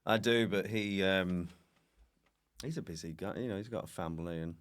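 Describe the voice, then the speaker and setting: In a deep voice and moderate pace, a man chats casually as a podcast guest. He's a comedian, and his anecdotes ramble, mock himself, and come with plenty of giggles.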